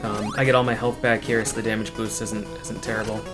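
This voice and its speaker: A man giving casual speedrun commentary as the runner, explaining technical details in a matter-of-fact, halting way. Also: lowish voice, little pitch movement. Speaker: speedrunner commentating on own run. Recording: game music playing behind the voice. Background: video game music.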